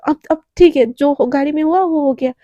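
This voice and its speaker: A woman's voice: sits high, a little fast, dark tone, no room sound, lo-fi sound, natural voice. A woman voicing a smitten young man who pleads and coaxes, told in a Hindi story. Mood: coaxing.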